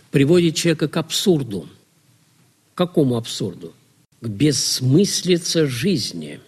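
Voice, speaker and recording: A man's voice: medium pitch, a little mellow, slightly rough. A man lecturing to students on religion, asking rhetorical questions and answering them himself.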